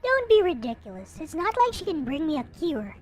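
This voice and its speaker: Hosting a visual novel reading, a woman with a high, sing-song, somewhat dark voice reads fairly quickly and expressively. She adds playful, theatrical casual asides over background music.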